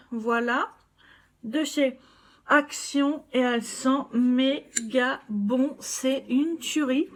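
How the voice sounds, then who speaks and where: A woman chatting casually to camera about her shopping haul, full of fillers and restarts. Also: high-pitched. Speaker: vlogger showing shopping haul. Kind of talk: casual chat.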